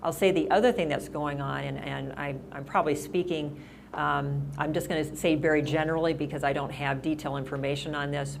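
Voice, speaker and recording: A middle-aged woman who is mayor talks casually at a senior center in a town-hall style, rambling with many restarts and fillers. Her voice sits low and creaky, and there's background noise.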